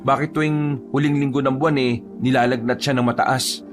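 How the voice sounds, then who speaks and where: A man's voice: medium pitch, steady tone, a little fast, over music, lightly acted. A man voicing a worried young father who speaks anxiously and pleads.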